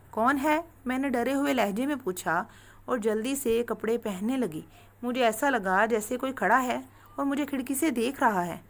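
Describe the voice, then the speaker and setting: A woman reading a scripted first-person story aloud in a steady, earnest manner. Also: fairly high pitch.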